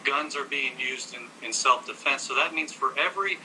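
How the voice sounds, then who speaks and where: Appearing as a guest in a televised interview, an American gun-rights advocate argues assertively with statistics and corrects his host in a debate. He has a medium-pitched voice with a sharp tone at normal speed, heard through a low-quality recording with a little hiss or hum.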